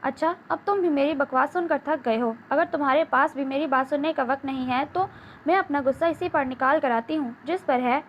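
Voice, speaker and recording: A woman reading the part of a defiant, angry young wife in an audiobook novel, with a sharp, scolding delivery. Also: sits high, close to an everyday voice. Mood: fuming. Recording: dull lo-fi with faint hiss.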